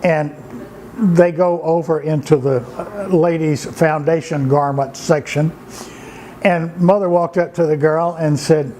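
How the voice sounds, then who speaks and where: Older guy spinning family yarns, slightly high voice, lots of uh's and false starts, faint hiss behind. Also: fairly even intonation, a little mellow, poor audio. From Georgia, USA. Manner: unhurried, halting with many "uh"s and restarts. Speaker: storyteller and writer. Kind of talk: folksy anecdotal storytelling.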